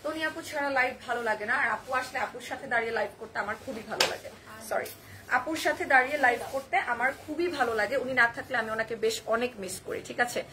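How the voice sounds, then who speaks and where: Selling live for her online boutique, a hoarse-voiced young woman with a Bangladeshi Bengali accent reads viewers' comments aloud and responds as she chats. She talks at a quick pace over a noisy background.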